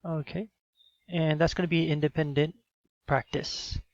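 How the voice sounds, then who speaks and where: A man talks through a screencast lesson in a patient, explanatory way, pausing on fillers and checking in with his listeners. His voice sits a little high for a man. The sound is dry and slightly dull, like a close computer mic at home. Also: little pitch movement, dry recording. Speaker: teacher.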